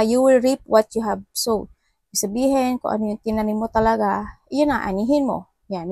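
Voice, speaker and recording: A woman's voice: on the high side, no room sound. Chatty woman reading tarot, close dry sound. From Philippines. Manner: chatty, mixes English into Tagalog, frequent tag questions. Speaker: tarot reader. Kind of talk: casual horoscope reading.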